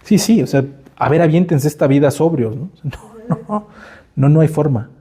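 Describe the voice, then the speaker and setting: A man's voice: on the high side, lively intonation, moderate pace, mellow, breathy edge. A middle-aged man with a Mexican Spanish accent preaching a sermon in a conversational way, with frequent asides and tag questions, acting out quoted dialogue in a playful voice. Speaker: pastor.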